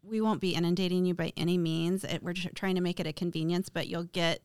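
A woman's voice: fairly low pitch, steady tone, a little mellow, smooth, dry recording, clean studio sound. Upbeat woman promoting a charity event. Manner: upbeat, promotional, quick to laugh. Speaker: charity fundraiser guest. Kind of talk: casual chat.

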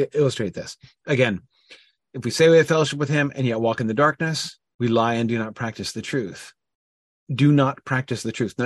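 Husky-voiced man thinking aloud over scripture. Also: medium pitch, dry recording, studio quality. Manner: thinking aloud, frequent restarts and "right?". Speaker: Bible teacher. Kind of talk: informal scripture study talk.

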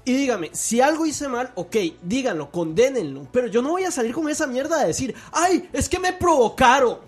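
Man, high voice, angry rant, faint music behind. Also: sing-song, slightly rough. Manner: angry, swearing, rapid bursts. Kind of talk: heated rant.

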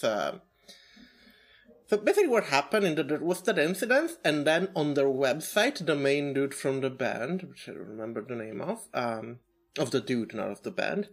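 A woman's voice: low voice, sing-song, normal speed. Rambling podcast co-host woman. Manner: rambling, frequent fillers and restarts, swearing. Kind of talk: casual podcast chat.

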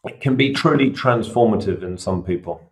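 A middle-aged man with a fairly low voice, speaking as a surgeon guest on a podcast. He walks the listener through ideas patiently, reaching for simple everyday examples. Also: normal speed. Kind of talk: casual podcast interview.

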